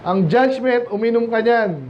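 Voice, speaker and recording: A man preaching a midweek Bible study sermon in a conversational way, often asking the congregation rhetorical questions and reading scripture slowly and solemnly. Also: very high voice, highs cut off, slight background noise. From Philippines.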